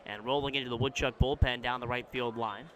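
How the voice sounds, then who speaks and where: With a slight hiss or hum on the audio, a mid-range American male voice calls baseball for radio live from an outdoor ballpark position. His detailed, moment-by-moment description is measured, turning excited on big plays.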